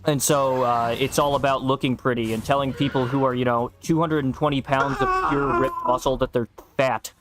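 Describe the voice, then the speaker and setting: A man's voice: mid-range voice, big pitch swings, normal speed, hardly any pauses, very noisy. A young man streaming a game and chatting casually, blunt and profane, bantering with his co-host. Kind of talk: casual chat while gaming.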